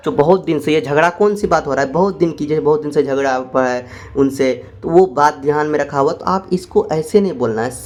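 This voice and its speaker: A man teaching spoken English, explaining phrases in quick asides and then dictating them slowly word by word. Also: on the high side, darkish tone.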